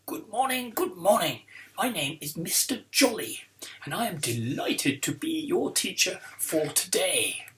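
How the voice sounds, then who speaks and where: A man's voice: high voice, big pitch swings, a little slow, fairly bright tone, heavily acted, low-quality recording. A man voicing a big, posh, jolly supply teacher with grand, old-fashioned phrasing in a children's book reading. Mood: delighted.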